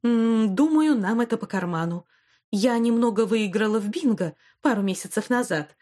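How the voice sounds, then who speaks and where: A woman's voice: a little high, lively intonation, normal speed. A woman reading an audiobook, voicing a caring but stern elderly grandmother who scolds and comforts her granddaughter. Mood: reassuring. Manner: warm but stern, reassuring. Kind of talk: audiobook character voice.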